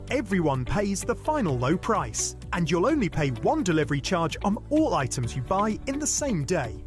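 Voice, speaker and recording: Bright lively male announcer voice-over. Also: high voice. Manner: polished, explanatory. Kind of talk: scripted voice-over.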